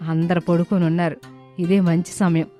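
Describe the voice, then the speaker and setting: A greedy mother-in-law plots and wheedles in a lowish voice, as a woman plays her. It is storybook drama acting over soft background music. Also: flat delivery, moderate pace, lightly acted. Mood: scheming. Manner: plotting, wheedling and defensive.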